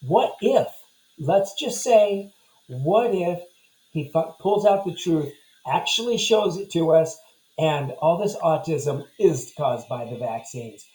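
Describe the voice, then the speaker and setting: A man's voice: a little high, animated, slow, a little mellow, roomy sound, rough recording. A man in his fifties talking bluntly and ramblingly in a casual personal monologue to camera. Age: 50s. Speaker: vlogger.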